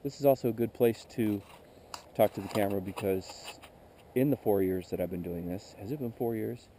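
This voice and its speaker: Standing by a rural road on a motorcycle trip, a middle-aged man speaks candidly and wearily into his camera mic, emotionally worn out and often stopping to correct himself. His voice is lowish and warm at a moderate pace, with a little hiss or hum in this rambling monologue.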